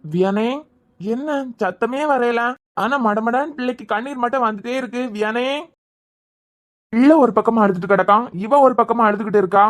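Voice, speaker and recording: A woman's voice: fairly high pitch, normal speed, lightly acted. A woman voicing a blunt, joking young husband in a cartoon, with a Kanyakumari Tamil accent and a teasing, mocking way of asking questions.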